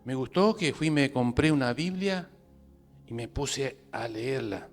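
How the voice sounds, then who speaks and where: A man with a Rioplatense Spanish accent preaching in church, telling a personal story with lively acted-out dialogue. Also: medium pitch, a little slow, soft background music. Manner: animated storytelling, acts out both sides of dialogue. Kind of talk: sermon testimony.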